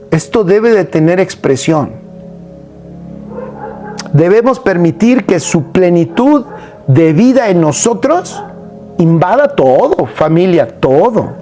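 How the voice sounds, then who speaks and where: A man preaching a sermon in an animated, emphatic way, full of rhetorical questions. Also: sits high.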